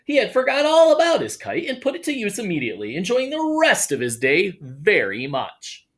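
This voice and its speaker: A high-pitched man at a normal pace reads a picture book to kids. As an elementary educator, he keeps it animated and playful, slipping in relaxed asides.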